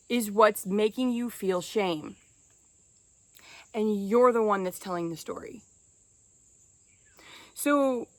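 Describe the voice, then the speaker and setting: A woman's voice: on the high side, a bit bright, dry recording. A woman speaking earnestly to camera in a casual motivational vlog, conversational and often breaking into short laughs. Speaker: self-help vlogger.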